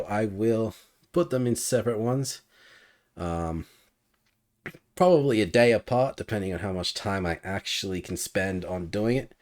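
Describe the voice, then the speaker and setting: A man's voice: fairly low pitch, a little mellow. A young man hosting a reaction video, talking casually with many fillers and restarts, a bit congested from a cold. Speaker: YouTube reaction host. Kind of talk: casual vlog chat.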